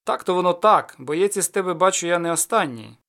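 A man voicing a calm, teasing cossack sorcerer in an audiobook, raised and loud when he dares his guest. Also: high voice, fairly quick, exaggerated voice. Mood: gruff.

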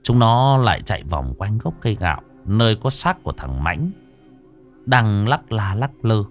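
A man's voice: on the low side, sing-song, moderate pace, soft background music. A man telling a ghost story, dramatic and vivid with earthy humor.

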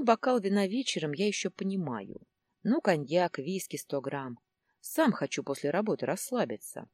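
Woman reading as aging husband, plaintive, grumbling, lively swings. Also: fairly low pitch, slightly rough, no echo, clean studio sound. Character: middle-aged man, worried husband, complaining.

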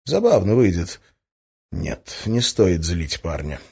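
A male narrator reads a first-person novel in a dry, ironic way. His husky voice moves through a lively range of pitch. The recording is dull and lo-fi. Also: slow. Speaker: audiobook narrator.

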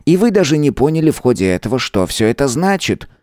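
Вспыльчивый начальник из аудиокниги, которого озвучивает мужчина-чтец, громко отчитывает подчинённых, резко командует и повышает голос. Звук сухой, без эха комнаты. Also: male voice, mid-range voice, expressive, moderate pace, dry recording, clean studio sound, voice pushed up, lightly acted. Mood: angry commanding. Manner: shouting, scolding, commanding. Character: hot-tempered male boss, commanding and scolding. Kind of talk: audiobook character voice.

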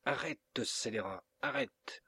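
A man voicing a hot-headed young nobleman who shouts defiance, raising his voice above his narration. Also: on the low side, fairly even intonation, slow, gravelly, slightly rough, dry recording, full character voice. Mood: furious.

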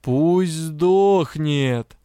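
A man voicing an ancient, sullen water spirit that speaks in a very slow, grim drawl. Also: fairly high pitch, mellow, clear, resonant tone, dry recording, clean studio sound.

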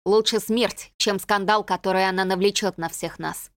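A woman's voice: mid-range voice, fairly even intonation, moderate pace, dry recording, studio quality, lightly acted. A woman reading the part of a callous, scheming soldier in an audiobook. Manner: blunt, callous. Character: ruthless soldier by the fire, scheming man.

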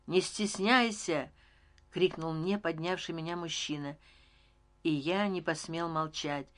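A woman narrating an audiobook in an even, measured storytelling manner. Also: deep voice.

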